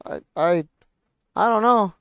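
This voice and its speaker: A man's voice: high voice, slow, a bit bright, clean tone, no echo. A man hosting a paper airplane show, talking in a rambling, profane, exasperated rant. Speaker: podcast host building paper planes. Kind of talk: casual ranting chat.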